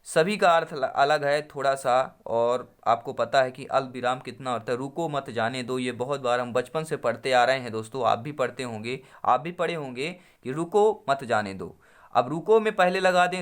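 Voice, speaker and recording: A man's voice: on the high side, clear, resonant tone. A man teaching a Hindi exam-prep lesson, going through questions one by one, calling viewers his friends, repeating each answer and asking them to reply. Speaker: Hindi teacher at a coaching channel.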